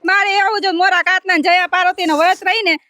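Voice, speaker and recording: A woman's voice: extremely high pitch, fairly even intonation, fast, background noise. A woman, complaining about her husband in a rustic comedy sketch.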